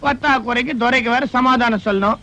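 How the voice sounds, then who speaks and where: An actor playing a scheming, talkative comic friend in an old film, rambling and wisecracking. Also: male voice, extremely high pitch, fast, pushed and bright, rough recording. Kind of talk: 1980s film dialogue.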